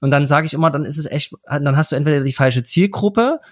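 A man who works as a wedding officiant and coach, talking in a relaxed, chatty way and often ending his sentences with a questioning "right?". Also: on the high side, fast, dry recording, studio quality. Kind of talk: casual conversation.

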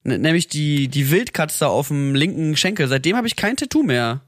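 A podcast co-host with a notably high voice tells loose, animated stories and laughs often. The sound is dry and close, with no room around him. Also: male voice, moderate pace, no echo. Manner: animated, rambling storytelling with frequent laughs. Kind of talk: casual chat.

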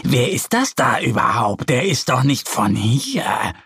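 A man voicing a grumpy old female wildcat who scolds slowly in a children's story. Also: medium pitch, very animated, fairly bright tone, husky, no room sound, studio quality, exaggerated voice. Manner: slow, grumbling scolding.

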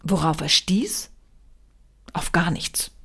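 A woman reading a folk tale aloud as a storyteller, expressive with dramatic pauses. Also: low-pitched, breathy edge.

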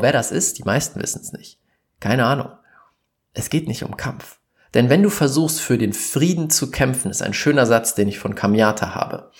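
A man speaks an earnest, emphatic monologue straight to camera. He leans on pauses to let points land and now and then breaks into exasperated outbursts. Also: mid-range voice. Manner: earnest and emphatic, pausing for weight, bursts of exasperation. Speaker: vlogger.

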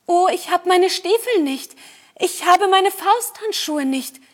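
A woman's voice: very high voice, expressive, takes it slowly, pitched above the performer's own voice, full character voice. A woman reading aloud and voicing an anxious little girl in a storybook, crying out. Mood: alarmed. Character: little girl, barefoot and alarmed.

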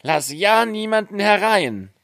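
A man doing squeaky little fairy-tale dwarfs. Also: lively intonation, a little slow, creaky, fairly bright tone, dry recording, clean studio sound, exaggerated voice. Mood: friendly. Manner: high squeaky voice, calling out. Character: group of little male dwarfs, squeaky and excited.

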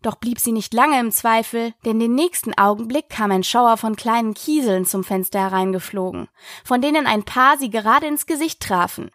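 A woman reading a storybook aloud as narrator in a steady, clear way. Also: a little high, moderate pace, no echo, studio quality. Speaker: audiobook reader.

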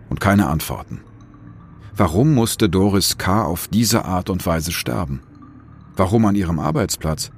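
A man's voice: on the low side, husky. A man narrates a scripted true-crime story as host, with dramatic, suspenseful phrasing in short pointed sentences.

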